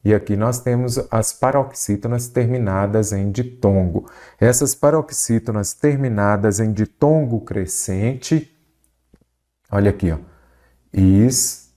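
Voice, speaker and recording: A man with a Brazilian Portuguese accent teaching an exam-prep grammar lesson, emphatic and lively, asking rhetorical questions of his students. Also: on the low side, unhurried.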